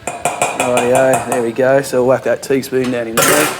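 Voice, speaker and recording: A man's voice: medium pitch, flat delivery, a little slow, noisy background. An Australian man hosting a comic home cooking show in a laid-back, slangy way, full of fillers, in a kitchen.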